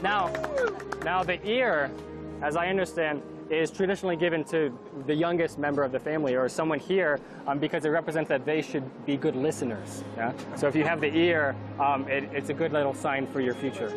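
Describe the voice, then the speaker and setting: A man's voice: a little high, steady tone, fairly quick, over music. Upbeat male travel-show host. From California. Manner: upbeat, explanatory. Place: outdoors at a wedding celebration.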